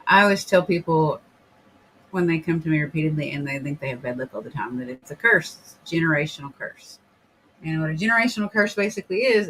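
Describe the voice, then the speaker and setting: A man hosting a casual podcast, talking in a rambling way full of fillers and clearing his throat now and then. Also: a little high, bright, forceful tone, a little hiss or hum, poor audio. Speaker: podcast host. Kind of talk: casual chat, reading viewer comments.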